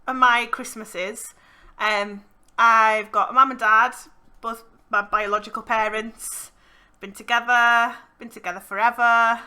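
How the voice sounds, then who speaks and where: A woman's voice: on the high side, little pitch movement, measured pace, bright, forceful tone, clean tone. A woman hosting a podcast, talking in a casual, conversational and giggly way. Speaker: podcast host.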